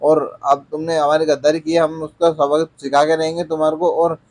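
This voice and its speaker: Man voicing a vengeful young male villain, threatening lines, slightly high voice, flat delivery. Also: brisk, natural voice. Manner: threatening, flatly read.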